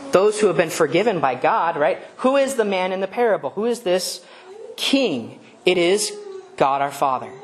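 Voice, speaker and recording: A woman's voice: fairly low pitch, slight background noise. A woman preaching a sermon in a conversational way, asking rhetorical questions and stopping to correct herself.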